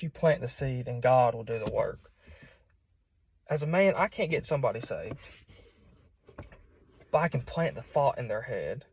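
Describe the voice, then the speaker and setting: Recording solo, a young Southern man preaches an informal sermon, folksy and conversational in style. He sounds a little high-pitched, with a breathy edge.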